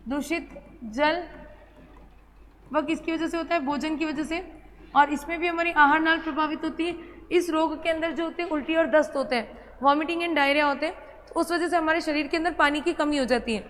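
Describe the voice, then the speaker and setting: A woman's voice: high-pitched, steady tone, normal speed, fairly bright tone. A woman teaching a biology class, who repeats key terms, quizzes her students and fondly calls them child. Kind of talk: classroom lecture at a board. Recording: hall reverb with faint ambient noise.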